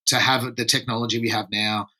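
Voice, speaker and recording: A French man in his thirties, a surf environmentalist, talks casually as a podcast guest, rambling and repeating words while he gathers his thoughts. His mid-range voice is bright and forceful, fairly quick, with a flat delivery.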